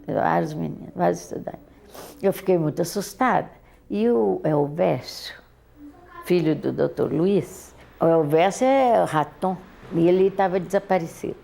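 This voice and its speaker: An older woman with a Brazilian accent recalls her daughter in an oral history interview, halting and often repeating words. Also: low-pitched, creaky, dark tone.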